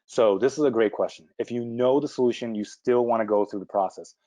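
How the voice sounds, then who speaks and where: During a live webinar, a man fields viewer questions in a fast, informal way, often using fillers and restarting his sentences. His voice is mid-range and mellow, and the audio quality is poor.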